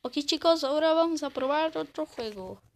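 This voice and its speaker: A woman's voice: sits high, animated, normal speed. A woman gives casual, hesitant commentary while playing a game and sometimes squeals in panic. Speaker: gaming channel host.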